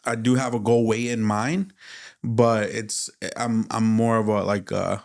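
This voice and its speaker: A man with a fairly low, gravelly voice chats on a casual podcast. He sounds relaxed and candid, with a ready laugh as he talks about himself. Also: a little slow. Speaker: podcast co-host.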